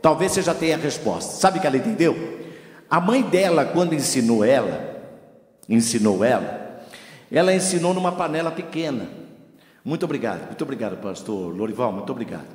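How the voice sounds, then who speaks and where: A man's voice: mid-range voice, fairly quick. A man preaching as a guest pastor in a church, telling a story and acting out its dialogue. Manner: storytelling with lively acted-out dialogue. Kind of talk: sermon. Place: church hall. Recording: echoey church hall.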